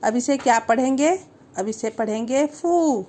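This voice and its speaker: A woman's voice: a little high, lively intonation, measured pace, dark tone. A woman teaching a Hindi lesson, explaining step by step, repeating each term and asking the viewer questions. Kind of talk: slow, patient language lesson.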